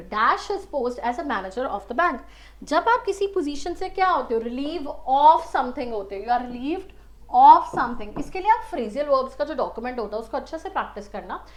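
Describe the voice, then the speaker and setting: A woman with an Indian accent teaching an exam prep lesson, explaining words step by step and spelling them out letter by letter. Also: high-pitched. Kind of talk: online lesson, mixing English and Hindi.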